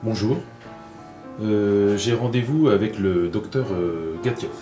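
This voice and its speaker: A man's voice: lowish voice, slow, mellow, echoey room, faint music behind. An actor playing a meek, timid man who mumbles hesitantly.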